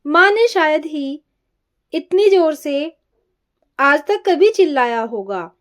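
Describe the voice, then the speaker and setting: A woman's voice: high voice, expressive, slow. A woman voicing an angry older mother-in-law who scolds in a raised voice while reading a story. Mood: angry, scolding.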